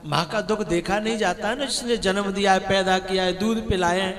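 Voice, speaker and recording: A man voicing a devoted husband who speaks softly and earnestly to his wife, in a reverberant hall with music underneath. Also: sits high, fairly even intonation, moderate pace, natural voice. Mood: pleading. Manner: soft, pleading, earnest. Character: gentle devoted husband, pleading then reproachful.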